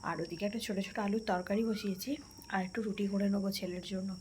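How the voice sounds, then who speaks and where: Bengali girl vlogging early morning, hushed soft chat, little crickets and hiss behind. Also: medium pitch, fairly even intonation, very fast. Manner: chatty, addresses viewers directly. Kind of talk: casual daily vlog. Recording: faint background noise, crickets.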